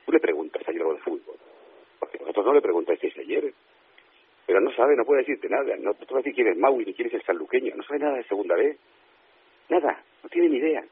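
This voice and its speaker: A man's voice: mid-range voice, animated, fast, breathy edge. A man with a Spanish accent from Spain, a radio guest speaking on the phone, indignant and emphatic, often repeating himself. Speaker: interview guest. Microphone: telephone. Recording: tinny phone line.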